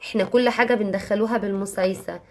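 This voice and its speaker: A woman teacher with an Egyptian Arabic accent, explaining to parents how she teaches young children, emphatic and repeating key words, slowing down on examples. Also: mid-range voice, fairly even intonation, a little mellow.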